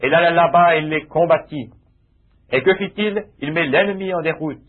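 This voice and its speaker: A man's voice: a little high, moderate pace. A man preaching a sermon with emphatic, repetitive phrasing that rises into exclamations. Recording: tinny lo-fi phone-like sound.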